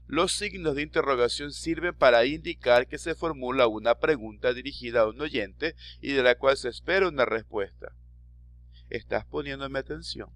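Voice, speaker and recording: Male teacher, Latin American Spanish accent, expressive lesson delivery, dry close recording. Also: mid-range voice, no echo. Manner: explains and quizzes students, dramatic voice inflections.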